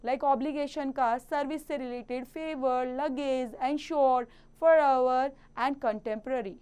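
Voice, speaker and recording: Woman, Indian accent, teacher, high voice, unhurried delivery, children's grammar lesson. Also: steady tone, a little mellow, clean tone. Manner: switches between slow careful English reading and quick Hindi explanation.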